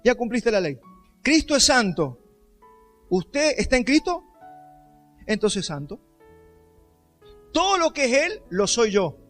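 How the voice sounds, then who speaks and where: A man's voice: very high voice, sing-song, takes it slowly, pauses often, a bit bright, soft background music. A male pastor, giving an emphatic sermon and putting rhetorical questions to the congregation.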